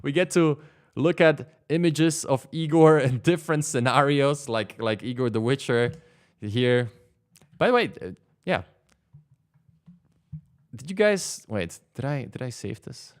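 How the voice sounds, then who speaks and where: A man's voice: mid-range voice, measured pace. A young man in his twenties hosting a casual livestream from his desk, rambling and leaning on fillers as he answers chat. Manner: rambling, filler-heavy, lots of "like". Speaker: livestream host. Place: home studio desk.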